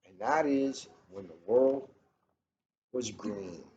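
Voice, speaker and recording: In a muffled, noisy ambient recording, a middle-aged police officer reads a storybook aloud, chatting casually between passages. His medium-pitched voice is expressive, a little mellow, and slow.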